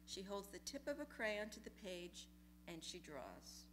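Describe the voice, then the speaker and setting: A woman reading personal essays aloud in a lecture hall, measured and deliberate, letting phrases linger. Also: medium pitch, very animated, background noise. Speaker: essay reader at a memorial reading.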